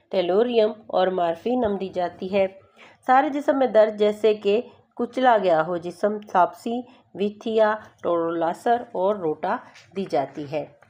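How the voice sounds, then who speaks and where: A woman presenting homeopathy, reading out remedies in a steady listing way with small slips. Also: mid-range voice, unhurried.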